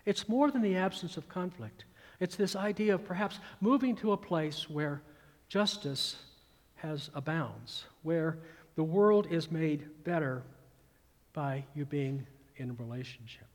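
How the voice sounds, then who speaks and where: Southern pastor preaching in a hall. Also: male voice, on the high side, a little slow. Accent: Georgia Southern. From American South. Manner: emphatic, repeats phrases, recites verse with swelling volume. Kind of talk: sermon.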